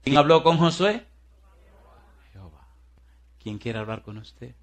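A man's voice: lively intonation, unhurried. A man preaching a sermon as pastor, firing rhetorical questions at the congregation in a folksy, teasing way. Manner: swings between booming and hushed.

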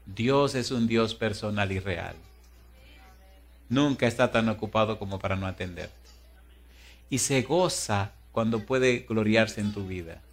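A middle-aged man preaching a sermon as pastor, animated and humorous, moving from hushed asides to loud exhortation. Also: lowish voice, unhurried, long pauses. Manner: humorous storytelling.

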